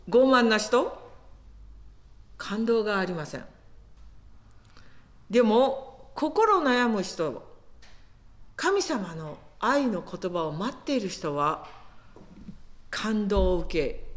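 A woman preaching a sermon in an animated storytelling manner, acting out quotes as she goes. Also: fairly high pitch. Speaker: pastor.

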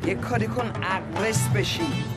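An actor playing a stern, domineering older father in a TV drama, with a gruff, commanding way of talking. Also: high voice, natural voice. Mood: lecturing. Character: stern, bossy old father. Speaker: scolding father. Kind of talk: TV drama acting. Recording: loud music and crowd behind.

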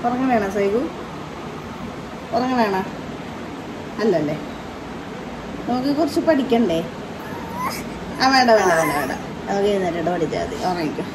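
A woman's voice: medium pitch, expressive, normal speed, pauses often, noisy background. A woman with a Malayali accent chatting casually in a home vlog, coaxing a sleepy crying child in a sing-song way. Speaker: vlogger. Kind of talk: casual family vlog chat. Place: home in rainy evening.

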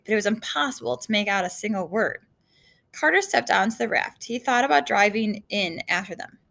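A woman's voice: medium pitch, creaky, a bit bright. A woman reading a children's adventure novel aloud, casual, with slips and asides to her listeners.

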